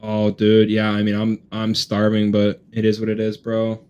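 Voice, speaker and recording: A man's voice: lowish voice, monotone, normal speed, darkish tone, clear, resonant tone, dull audio. A young man hosting a sports watch party, chatting casually like a frat bro with lots of bro and dude. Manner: frat-bro slang, constantly says bro and dude. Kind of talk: casual live stream chat.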